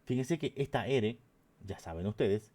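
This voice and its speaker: A man's voice: mid-range voice, expressive, measured pace, dark tone. A man teaching an online math lesson, patient and explanatory, often checking in with his students.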